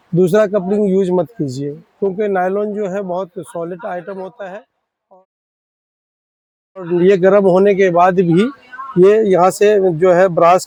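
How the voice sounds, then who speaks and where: Man, high-pitched, earnest and repetitive, dry sound. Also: mellow, no echo, poor audio. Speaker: spare parts shop owner. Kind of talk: product explainer to shopkeepers.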